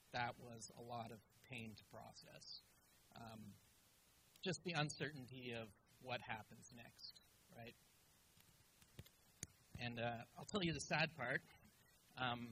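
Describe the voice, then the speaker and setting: A man's voice: mid-range voice, pushed and bright, a little hiss or hum, rough recording. A man from Malaysia, raised in Canada, casually telling his personal testimony in church with many fillers. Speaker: congregation member.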